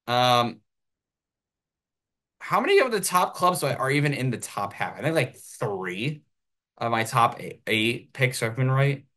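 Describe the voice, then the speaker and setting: Animated American man talking football. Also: medium pitch, a little slow. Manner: animated, ranting. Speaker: sports show host. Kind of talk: solo sports commentary.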